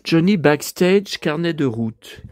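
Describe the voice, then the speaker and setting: A hoarse man in a casual vlog, talking to his viewers and muttering exclamations to himself as he browses through his purchases. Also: fairly high pitch, expressive, slow, music in the background. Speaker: vlogger showing his purchases.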